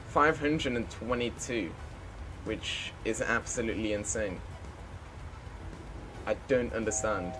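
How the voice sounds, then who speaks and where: A man live-streaming a flight simulator, chatting casually and making the odd pilot radio call. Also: fairly low pitch.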